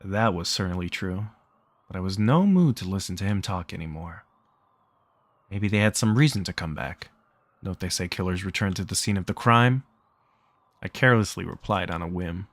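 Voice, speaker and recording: A man's voice: deep voice, moderate pace, pauses often, fairly bright tone, dry recording. A man reading a visual novel's text aloud for a let's play, narrating plainly and stopping now and then to joke and laugh. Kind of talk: reading game text aloud with casual asides.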